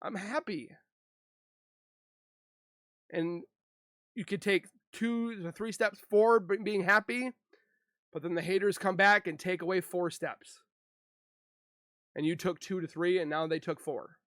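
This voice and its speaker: A man venting to his viewers in a vlog, halting and frustrated, and holding back tears as he speaks. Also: sits high, steady tone, fairly bright tone, no echo. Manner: halting, frustrated, with frequent restarts. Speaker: YouTuber.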